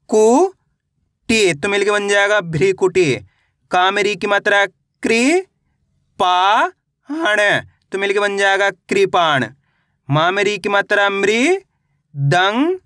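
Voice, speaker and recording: A man with a high, bright voice teaches reading, sounding out each syllable slowly and then joining them. He asks the same question again and again and answers it himself. The recording is dry and close, with no room sound. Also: no room sound. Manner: slow syllable-by-syllable spelling with repeated call-and-answer prompts. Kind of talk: scripted phonics lesson.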